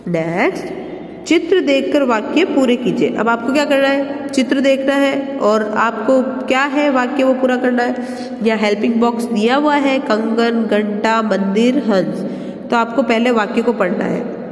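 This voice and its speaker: A woman teacher giving a Hindi lesson to children, stretching out each example word as she pronounces it. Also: a little high. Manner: slow, drawn-out pronunciation of example words. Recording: echoey room with long reverb.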